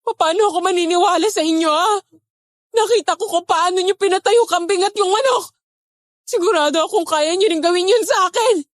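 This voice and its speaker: A woman's voice: very high voice, brisk, no room sound, clean studio sound. A woman playing a frightened young nanny held captive, pleading and stammering. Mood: wary.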